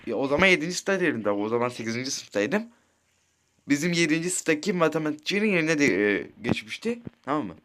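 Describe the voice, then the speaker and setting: A man's voice: fairly high pitch, sing-song, fast talker, fairly bright tone. A teenage boy casually telling rambling, crude school stories while playing a mobile game, swearing often and checking in with his listeners. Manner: rambling, crude, swears a lot, keeps asking "right?". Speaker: gaming streamer. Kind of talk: casual storytelling over gameplay.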